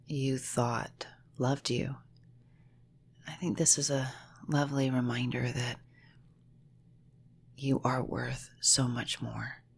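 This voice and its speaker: A woman hypnotherapist reading aloud in a slow, hushed, soft-spoken ASMR style, half-whispering. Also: rumbling low. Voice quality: soft and breathy.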